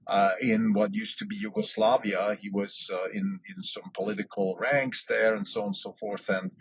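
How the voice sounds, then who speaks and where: A man's voice: lowish voice, steady tone, normal speed. A man who grew up in Switzerland, hosting a solo podcast and thinking aloud, with frequent fillers and restarts. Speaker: podcast host. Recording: dull lo-fi sound with faint background noise.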